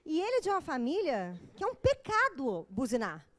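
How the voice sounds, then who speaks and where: A woman's voice: sits high, wildly swooping pitch, fairly quick. A woman with a Brazilian Portuguese accent giving an informal, joking lecture to a live audience. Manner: joking, chatty, with acted asides.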